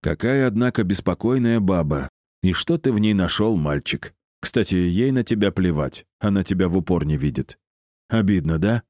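Guy doing a smug cruel necromancer, deep dark voice, sneering the whole time. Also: animated, normal speed, no echo, clean studio sound. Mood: mocking. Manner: mocking, condescending, insulting.

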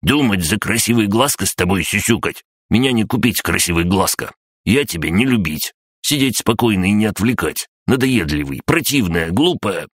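A man's voice: extremely low pitch, fairly even intonation, very slow, few pauses, sharp tone, no room sound, clean studio sound, heavily acted. A man voicing a grumpy male crab-gnome with broken grammar in an audiobook, growling and snappish. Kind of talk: audiobook character voice.

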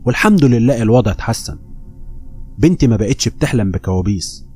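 A man with an Egyptian accent reading horror stories aloud, telling them at a steady pace and voicing the people he quotes. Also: medium pitch, fast, husky, soft background music. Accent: Egyptian Arabic. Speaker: horror story narrator. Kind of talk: scripted horror story narration.

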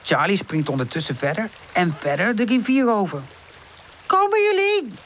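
A woman reading a children's audiobook aloud, calm and gentle. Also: low voice, brisk, a little hiss or hum. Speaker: audiobook narrator.

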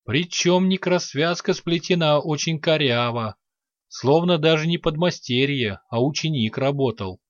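A man's voice: fairly high pitch, measured pace, no room sound, lo-fi sound, natural voice. Brief: male reader as a critical female mage in a storybook. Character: sharp-eyed woman mage, critical.

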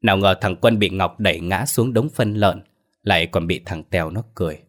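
A man narrating a folk horror story in a low, deep voice. His telling is plain and earthy, steady through the scenes. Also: fairly quick.

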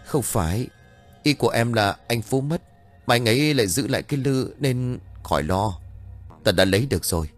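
A man's voice: mid-range voice, expressive, moderate pace, soft background music, close to an everyday voice. A man voicing a young woman, an anxious younger sister who whispers her questions nervously.

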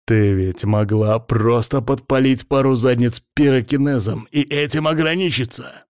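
A man voicing a furious, hysterical male hamster-like alien who yells shrilly and swears. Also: normal speed, no echo, clean studio sound, close to an everyday voice. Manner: shrill, hysterical, foul-mouthed yelling.

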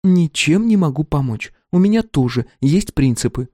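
A man voicing a tired, principled young woman who talks in a sharp, defensive way. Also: fairly high pitch, animated, normal speed, dry recording, studio quality, pitched above the performer's own voice. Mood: irritated.

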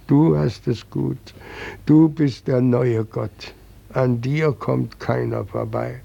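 A man's voice: medium pitch, vocal fry, dark tone, husky, full character voice. An actor playing a weary, bitter young male war returnee in a 1940s radio drama. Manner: bitter, mocking, then despairing. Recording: dull old radio recording.

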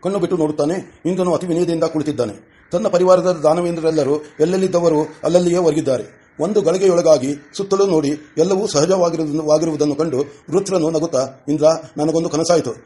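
A man narrating an audiobook story in a steady, even reading voice. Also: fairly high pitch, quick pace.

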